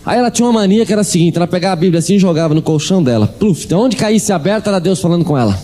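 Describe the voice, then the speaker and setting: Man, church testimony, comic storyteller, mellow tone, a bit high. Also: racing, faint music behind. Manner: animated storyteller, acting out quoted dialogue. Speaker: preacher giving testimony.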